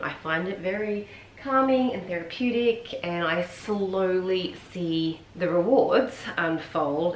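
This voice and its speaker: An Australian woman chatting casually with viewers while folding laundry at home, rambling with lots of ums and sounding a little hoarse and tired. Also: fairly low pitch, a bit bright. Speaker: vlogger. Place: room at home. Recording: echoey room with faint ambient noise.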